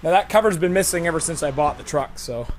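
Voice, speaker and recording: A hoarse man with a fairly high voice hosts a car how-to video, walking around his truck outdoors while holding the camera in one hand. Relaxed and chatty, he talks fast and explains each step to the viewer as he works in this casual hands-on demonstration. Slight background noise is present.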